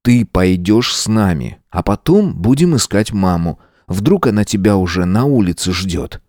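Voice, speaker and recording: A man voicing a calm, caring middle-aged male teacher who speaks softly. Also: on the low side, a little slow, no echo, studio quality. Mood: gentle. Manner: soft, reassuring.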